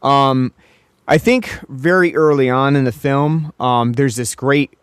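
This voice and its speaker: A man's voice: medium pitch, slow, clean tone, no room sound, studio quality. A man co-hosting a podcast, chatting casually about a film, rambling with many restarts and fillers. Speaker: podcast co-host.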